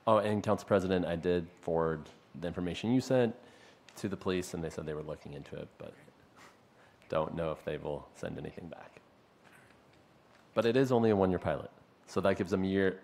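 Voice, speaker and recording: Gravelly, hesitant council member. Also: male voice, low-pitched, fairly quick, a little mellow. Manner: hesitant, filler-heavy.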